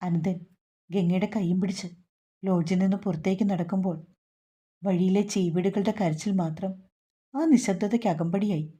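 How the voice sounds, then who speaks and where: A woman narrating a dramatic story in an even, scripted style. Her voice is mellow and soft, with a slightly husky edge. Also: fairly low pitch, normal speed, pauses often.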